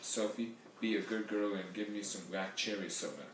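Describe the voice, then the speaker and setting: A distracted older uncle brushing off a child, as a man reads him. His voice stays low and offhand. It is heard from afar in a very echoey space with faint noise. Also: moderate pace, a bit bright, distant mic, lightly acted. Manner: offhand, curt.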